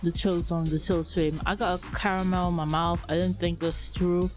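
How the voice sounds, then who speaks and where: A woman streamer with a somewhat low voice, talking through a slight lisp in a loose, rambling way. She chats casually with her viewers while soft game music plays faintly behind her. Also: normal speed. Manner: relaxed, rambling, chatty with viewers. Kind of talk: casual live-stream chat.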